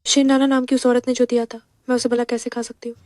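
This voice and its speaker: A cool, clever young heroine, dubbed by a woman in a Hindi drama dub. She speaks fast in an even, flat tone with a dark, mellow voice. The recording is close and dry. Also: on the high side, dry recording, close to an everyday voice. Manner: calm and firm, quick delivery.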